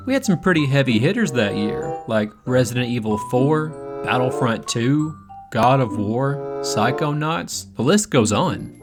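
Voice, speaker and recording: Male countdown host, mid-pitched, chatty and joking, music clearly behind the voice. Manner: joking, conversational, sweary. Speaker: video list host. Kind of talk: casual comedic video game commentary.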